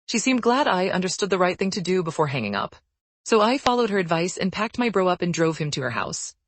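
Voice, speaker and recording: A woman narrating forum posts aloud in a brisk, even storytelling read. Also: lowish voice, no echo.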